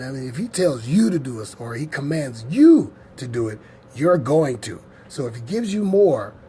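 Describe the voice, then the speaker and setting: A man's voice: on the high side, mellow, slight background noise. A man hosting a casual scripture teaching show, rambling and emphatic, often repeating his points.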